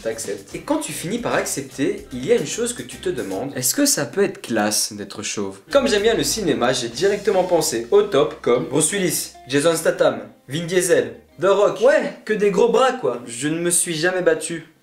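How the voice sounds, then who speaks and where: A man's voice: fairly high pitch, sing-song, moderate pace, hardly any pauses. A man hosting a self-mocking, scripted vlog. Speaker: video host. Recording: echoey room, faint music behind.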